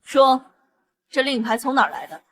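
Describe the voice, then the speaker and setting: A stern, commanding chairwoman in a short drama, speaking with clipped authority. Her voice sits a little high. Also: lively intonation, normal speed, a bit bright.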